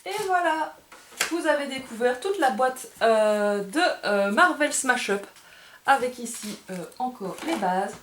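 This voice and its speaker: Her voice sits on the high side and sounds fairly bright, with lively intonation and a measured pace. Hosting a casual unboxing for a game bar, she chats, hesitates, and corrects herself while going through cards. Faint background noise fills a roomy-sounding space.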